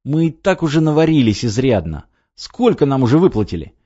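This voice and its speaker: A man's voice: medium pitch, big pitch swings, a little fast, dark tone, breathy edge, lo-fi sound, pitched above the performer's own voice. A man reading an audiobook, voicing a weary, gloomy male foreman who mutters glum, sardonic replies.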